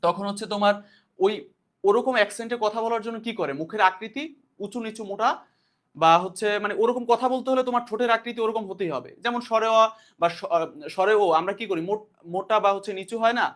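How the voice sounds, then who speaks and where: A man's voice: high-pitched, fast, a bit bright. A man teaching a class in a casual lecture style, explaining loosely and often repeating points and asking questions back to his students. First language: Bengali.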